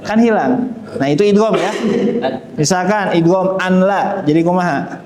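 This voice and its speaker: A man's voice: sits high, moderate pace, a crowd in the background. A man teaching Quran recitation, patiently explaining and modelling sounds for students to repeat. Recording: echoey room.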